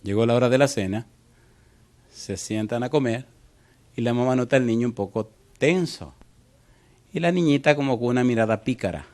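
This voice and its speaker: A man preaching a sermon and telling a story from the pulpit. He moves from hushed, tender passages to sudden loud cries. He often turns to the congregation with direct questions. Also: mid-range voice. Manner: storytelling preacher, swings from soft to loud exclamations. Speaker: pastor.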